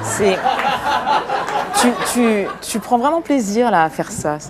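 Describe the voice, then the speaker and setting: A woman's voice: a little high, animated, takes it slowly, over loud music, over a noisy crowd. A woman performing loose comic banter in a conversational way. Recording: very noisy recording with clicks.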